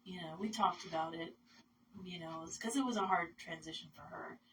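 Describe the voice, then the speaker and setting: A woman's voice: on the low side, normal speed. A woman from Massachusetts, a musician guesting on a radio show, chatting casually with many fillers. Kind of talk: casual interview talk. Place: radio studio. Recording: distant mic with faint noise.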